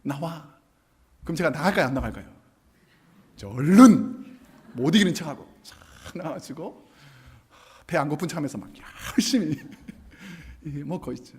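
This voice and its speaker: A man's voice: on the high side, normal speed, long pauses. A man preaching a sermon, telling stories with animation and acting out what people said. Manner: animated storytelling, acting out quoted lines. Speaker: pastor.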